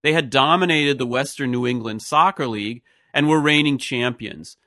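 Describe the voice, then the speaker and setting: A man's voice: mid-range voice, normal speed, sharp tone, no room sound, clean studio sound. A man reading a scripted history narration as a podcast host. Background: music.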